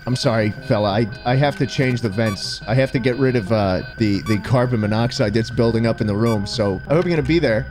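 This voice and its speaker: A man giving loud, excitable, swearing commentary while playing a game. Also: mid-range voice, fairly quick, few pauses. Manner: excitable, swearing, laughing outbursts. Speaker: gaming streamer. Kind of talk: let's-play commentary. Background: game music.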